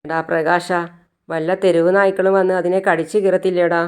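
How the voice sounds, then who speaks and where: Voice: mid-range voice, level tone, moderate pace, darkish tone, smooth, natural voice. A narrator voicing a worried older mother who pleads with her son, in a retold TV serial.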